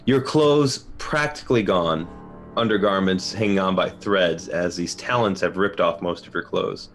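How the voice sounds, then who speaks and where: Deep-voiced man running a horror game. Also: unhurried, a bit bright. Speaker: game master. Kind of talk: narrating and refereeing a horror tabletop game. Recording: music under the voice.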